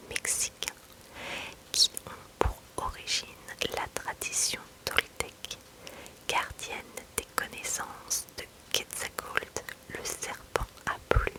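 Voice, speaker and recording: A woman speaking in a soft library whisper as an ASMR host, presenting books in a chatty way and reading passages aloud. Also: poor audio. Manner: unhurried, chatty delivery mixed with reading aloud.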